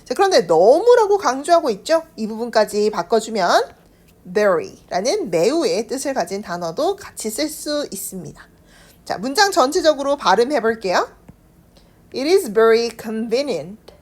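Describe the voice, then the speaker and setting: A woman with a Korean accent teaches English in a scripted online lesson. She takes her explanations slowly and deliberately, lingering on the model sentences, in a slightly high, very animated, somewhat mellow voice.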